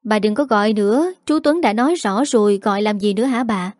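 Woman reading as a weary granddaughter, young, pleading, mid-pitched. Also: fairly quick, a little mellow, dry recording, studio quality, lightly acted. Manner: pleading, tired sigh.

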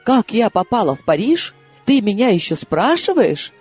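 A man voicing a shrill, indignant young woman. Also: very animated, moderate pace, a little mellow, faint music behind. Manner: shrill, tearful, protesting.

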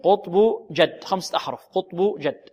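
Teaching Quran recitation over the radio, a man with a high-pitched, slightly mellow voice asks and answers his own questions while slowly repeating words to show how they're pronounced. The recording sounds muffled.

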